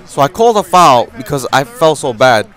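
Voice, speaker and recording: A man's voice: mid-range voice, big pitch swings, a little fast, a bit bright. A young man telling a rambling story in a casual vlog, with lots of restarts and a sore throat, as a gaming YouTuber.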